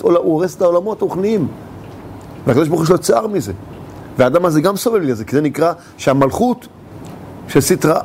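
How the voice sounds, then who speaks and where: A man's voice: fairly high pitch, a little mellow, slight background noise. A man teaching a religious lesson, animatedly telling a parable and acting out its scenes.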